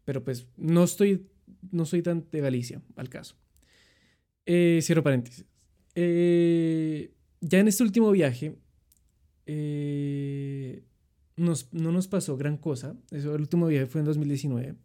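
A man's voice: fairly high pitch, unhurried. A young man with a Colombian accent telling travel stories in a chatty, rambling way. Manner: chatty, rambling, animated retelling. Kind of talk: casual storytelling.

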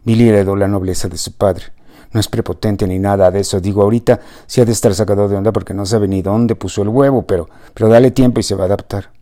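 Guy doing a blunt mom, low mellow voice, plain-spoken. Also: fairly even intonation, quick pace, close to an everyday voice. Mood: explaining. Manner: blunt, colloquial. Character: blunt, earthy middle-aged mother, former housekeeper.

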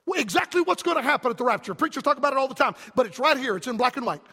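A man preaching a fiery revival sermon in an emphatic, rhythmic cadence that climbs to shouts. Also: very high-pitched, animated, racing, vocal fry, slightly rough, long reverb tail.

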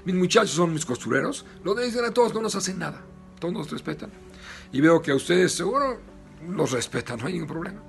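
Un hombre con acento mexicano que interpreta a un sastre judío hospitalario y sin miedo, con tono acogedor. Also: male voice, high-pitched, expressive, fairly quick, gravelly, faint music behind, pitched above the performer's own voice. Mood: welcoming. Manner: welcoming and reassuring.

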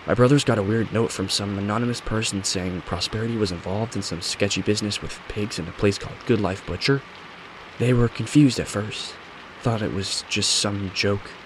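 Steady rain sounds behind a man who, in a lowish, lightly acted voice, plays a determined young woman in a scripted mystery audio story. She matter-of-factly explains things while recounting her brothers' investigation.

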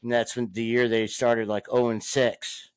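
A man's voice: mid-range voice, flat delivery, a little slow, clean tone, no room sound. A man co-hosting a sports podcast, chatting casually and joking with friends, laughing often. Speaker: podcast co-host.

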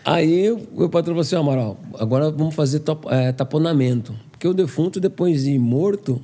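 A fast-talking man, his voice a little higher than most and quite dark in tone. He tells stories casually as a podcast guest and acts out every line of dialogue. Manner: animated, acts out quoted dialogue. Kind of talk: casual storytelling.

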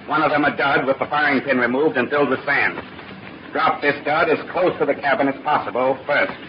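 A man's voice: mid-range voice, natural voice. Guy acting cold pompous villain boss, 1940s radio serial, talks down to everyone, muffled noisy recording. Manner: pompous, condescending, theatrical, deliberate. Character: cold, imperious middle-aged male villain, father and criminal boss.

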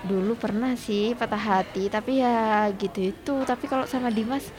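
An actress playing a young working mother who talks softly and hesitantly in a family drama. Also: a little high, fairly even intonation, moderate pace, natural voice. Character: young working mother, worried about love. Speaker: office worker.

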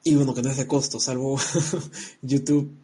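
A man's voice: mid-range voice, little pitch movement, moderate pace, mellow, slightly rough. A man co-hosting a casual chat, joking around and sending playful greetings to his listeners.

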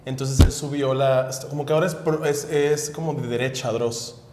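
A man, a comedian guest, telling stories in a fast, profane, animated way during casual podcast chat. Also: mid-range voice, background noise. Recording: echoey room with faint ambience.

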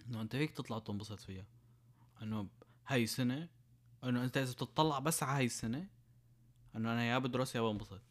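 A young man with a Syrian Arabic accent talks casually in a mid-range voice, speaking very fast but with long pauses. He gets his points across through everyday examples and rhetorical questions.

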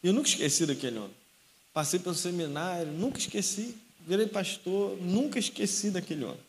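High-voiced young pastor telling a story. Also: male voice, fairly quick, a little hiss or hum. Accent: Rio de Janeiro Portuguese. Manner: lively storytelling, acting out dialogue. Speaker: youth pastor. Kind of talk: storytelling sermon.

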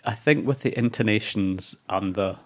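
A man's voice: lowish voice, moderate pace. A middle-aged Scottish man co-hosting a radio show, joking dryly in casual chat. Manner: wry, joking. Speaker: radio co-host.

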